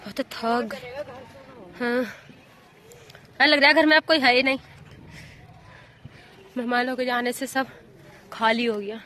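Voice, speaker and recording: Chatty high-voiced young woman vlogger. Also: steady tone, takes it slowly, pauses often, bright, forceful tone, a little hiss or hum. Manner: chatty, giggly, addresses viewers as guys. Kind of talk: casual vlog chat outdoors. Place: outdoors in fields, rural. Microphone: phone camera.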